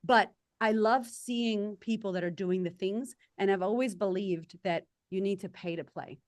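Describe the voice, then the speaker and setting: A woman's voice: mid-range voice, normal speed, a little mellow, no echo, studio quality. A woman with an Australian accent speaking casually as an interview guest, candid, emphatic and informal. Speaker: podcast guest. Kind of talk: casual conversational interview answers.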